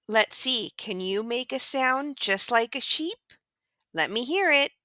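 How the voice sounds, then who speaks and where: A woman's voice: fairly high pitch, expressive, unhurried, bright, forceful tone. A woman voicing a cute, cheerful male pixie pig who hosts a children's farm-sounds lesson. She gushes over the animals and keeps encouraging the kids to join in. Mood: sweet, encouraging. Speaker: children's show host.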